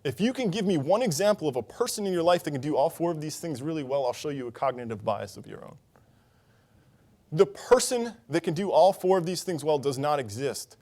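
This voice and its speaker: A man's voice: fairly high pitch, lively intonation, a little fast, darkish tone. A young man giving a conference talk, telling a personal story in an earnest way on a conference stage. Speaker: conference speaker.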